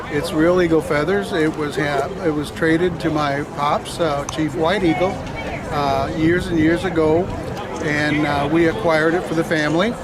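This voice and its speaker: A man being interviewed, speaking haltingly with many fillers. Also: on the high side, steady tone. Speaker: interview guest. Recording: loud crowd outdoors.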